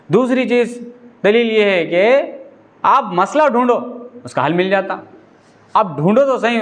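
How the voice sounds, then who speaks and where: Male preacher, high voice, chatty and questioning delivery, teaching a religious talk. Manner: conversational, asks listeners rhetorical questions. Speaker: Islamic preacher.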